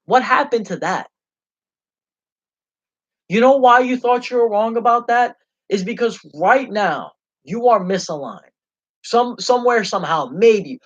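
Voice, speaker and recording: A man's voice: very high-pitched, a bit bright. Young guy going off on a live stream, fired up and cussing a lot, dull lo-fi sound. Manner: passionate, profane and heated. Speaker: livestream host. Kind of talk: unscripted livestream rant.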